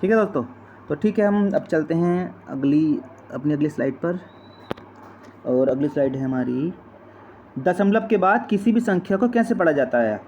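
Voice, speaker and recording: A man teaches a maths lesson from slides, patiently repeating steps and often calling his viewers friends. His fairly high voice has lively intonation, a moderate pace, and a darkish tone, and the recording is dull and lo-fi with faint noise.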